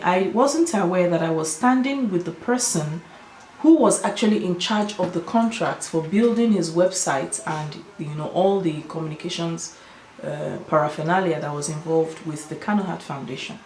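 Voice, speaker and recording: Animated woman with an Igbo Nigerian accent. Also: fairly low pitch, a little hiss or hum. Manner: emphatic, with Igbo interjections. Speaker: video host. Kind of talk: casual opinionated talk to viewers. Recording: roomy, echoing sound.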